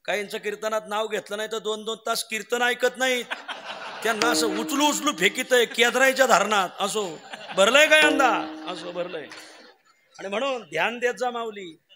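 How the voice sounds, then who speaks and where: A man's voice: sits high, normal speed, long reverb tail. A man preaching a devotional kirtan sermon, telling stories with humour and chanting verses.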